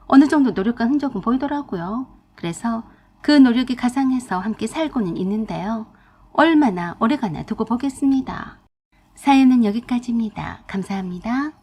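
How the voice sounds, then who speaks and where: A woman's voice: fairly high pitch, dark tone, husky. A woman telling a family story as an outspoken narrator, acting out her own side of the arguments. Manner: outspoken, indignant. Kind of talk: storytelling narration with acted dialogue.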